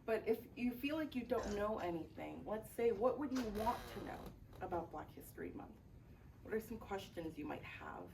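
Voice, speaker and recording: A woman's voice: medium pitch, expressive, normal speed, gravelly. A woman from Miami teaching a class, presenting and often checking in with the audience by asking "right?". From Miami, Florida, United States. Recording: distant mic with light background noise.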